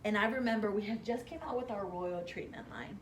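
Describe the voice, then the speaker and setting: A woman guest, a hair stylist, telling her career story in a casual interview, lively and acting out the voices of people she quotes with gasps. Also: mid-range voice, a little fast, a little hiss or hum. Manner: animated, acts out quoted dialogue with gasps.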